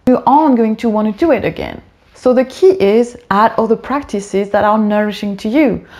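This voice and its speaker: Woman wellness host, somewhat high voice, casual and direct to camera. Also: darkish tone. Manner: friendly, direct, addresses the viewer. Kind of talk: casual instructional monologue.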